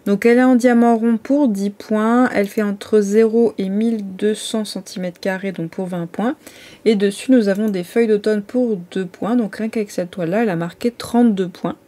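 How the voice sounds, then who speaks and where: Mellow-voiced woman vlogging casually. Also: mid-range voice, fairly even intonation, normal speed. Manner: chatty, hesitant, many fillers and restarts. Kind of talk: casual vlog chat.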